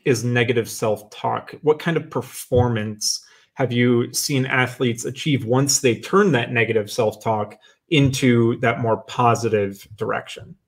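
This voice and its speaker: A man's voice: medium pitch, a little slow. A man interviewing a guest, asking long questions with fillers as he searches for words.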